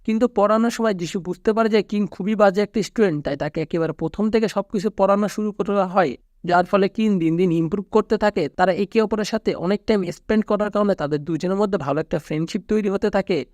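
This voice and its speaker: A man with a Bangladeshi Bengali accent narrating a movie plot recap in a steady storytelling manner. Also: high-pitched, fast talker, no echo. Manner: steady storytelling recap, quoting characters flatly. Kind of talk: scripted narration.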